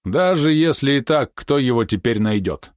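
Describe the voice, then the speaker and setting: A man voicing a boastful, gruff merchant who mocks and barks orders. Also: medium pitch, expressive, moderate pace, no room sound, clean studio sound, voice pushed up, lightly acted. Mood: mocking. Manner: gruff, commanding, mocking. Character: boastful nervous male merchant in a funny hat.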